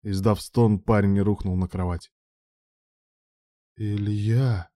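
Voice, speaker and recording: Low mellow male audiobook narrator. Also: steady tone, normal speed, dry recording, studio quality. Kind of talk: scripted narration.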